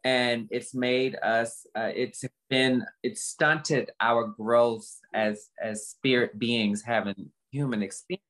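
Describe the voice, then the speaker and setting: This woman in her fifties, a guest in a conversational interview, speaks with a steady bass voice. Candid, earnest and halting, she returns to words to stress them, much like an informal motivational talk.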